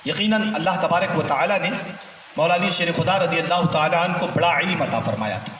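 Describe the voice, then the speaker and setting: A man preaching a sermon, telling stories in an animated way and acting out the dialogue. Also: on the high side. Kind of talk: sermon storytelling. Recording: echoey hall from far off, faint noise.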